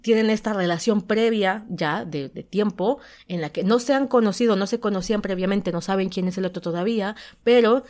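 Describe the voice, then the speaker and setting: A Mexican woman hosting a podcast, casually retelling a story in a chatty way and often pausing to search for the right word. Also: medium pitch, darkish tone. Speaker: podcast host and novelist.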